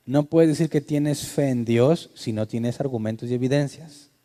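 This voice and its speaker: Pastor with a mellow voice, asking questions. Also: male voice, mid-range voice, normal speed. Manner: conversational, asks the audience questions. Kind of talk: sermon teaching.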